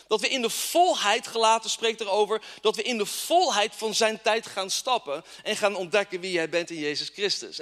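A man's voice: high-pitched, pushed and bright. A man preaching a fervent sermon in a church and reading scripture with strong emphasis. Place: church hall with congregation. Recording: long reverb of a church hall.

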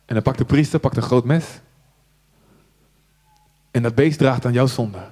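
A man from the Netherlands preaching a sermon to a live audience, telling the story in an animated way and dropping from hushed tones to loud outbursts. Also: medium pitch, a little slow. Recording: long hall reverb.

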